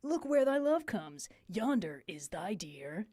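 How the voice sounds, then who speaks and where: A woman voicing a scornful young male lover, declaiming in a theatrical, measured way. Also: mid-range voice, big pitch swings, warm tone, voice pushed down. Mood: dismissive.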